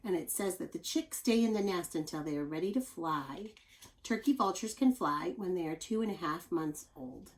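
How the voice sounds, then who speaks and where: With a voice on the low side and a normal speed, a woman reads nonfiction aloud to children. Her delivery is teacherly, expressive and explanatory, peppered with chatty remarks for the kids.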